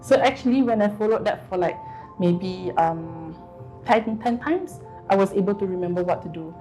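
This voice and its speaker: A woman's voice: medium pitch, normal speed, mellow, soft background music, poor audio. A woman, telling her personal story candidly and reflectively in an interview. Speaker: interview guest.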